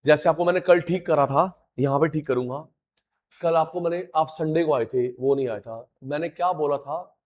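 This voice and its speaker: A middle-aged man teaching a classroom lecture, animated, chanting terms with drawn-out stress. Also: fairly high pitch. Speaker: economics teacher.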